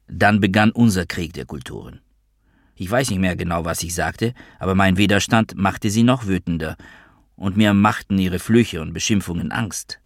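A man reading a first-person novel as an audiobook in a measured, wry way. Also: low-pitched, dry recording, clean studio sound. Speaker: narrator.

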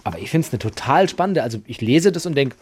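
A man co-hosting a casual podcast about sex, explaining and joking in an animated way. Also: mid-range voice, fast talker, breathy edge. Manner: animated, jokey, reads out explanations. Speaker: podcast co-host.

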